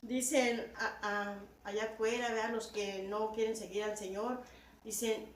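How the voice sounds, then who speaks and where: A woman preaches to her congregation with a somewhat high voice, turning to her listeners again and again and building to emphatic peaks. The church hall is very echoey, and she sounds distant from the microphone. A faint noise sits under the recording. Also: flat delivery, measured pace. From Latin America. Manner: repeats "hermanos" and "verdad" constantly, rising to emphatic peaks. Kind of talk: sermon.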